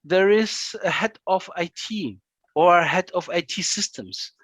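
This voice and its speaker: A man's voice: sits high, a little slow, a bit bright, dry recording. A man speaking as a guest in an interview, often repeating words and ending phrases with "yeah". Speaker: guest, project management executive. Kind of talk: casual video-call interview.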